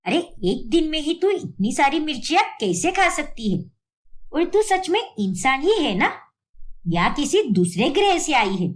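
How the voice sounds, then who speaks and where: A woman's voice: very animated, a little slow. A woman voicing a stern, scolding middle-aged mother-in-law in a cartoon story. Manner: scolding, shrill.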